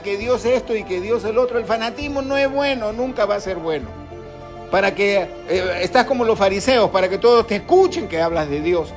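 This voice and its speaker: Peruvian male host, middle-aged, high pitch, storytelling spiritual talk, soft music under. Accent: Peruvian Spanish. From Peru. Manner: folksy, storytelling, preachy asides. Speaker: radio host.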